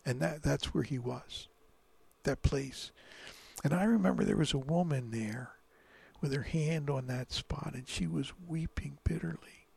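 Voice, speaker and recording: A man, a priest, reading the Gospel dramatically and preaching, dropping to hushed whispers at moments of feeling. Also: a little high, measured pace, creaky, slightly rough.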